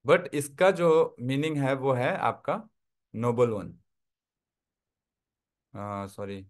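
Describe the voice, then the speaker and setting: A man's voice: medium pitch, lively intonation, drawn-out words. A man teaching a Tibetan script class online, explaining step by step and often checking that his listeners follow. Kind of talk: online language lesson.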